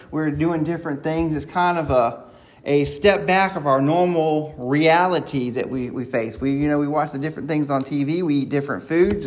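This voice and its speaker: A man preaching a sermon, excited and quick, with frequent restarts and repeated words. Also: fairly high pitch. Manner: excited, talking fast with many restarts.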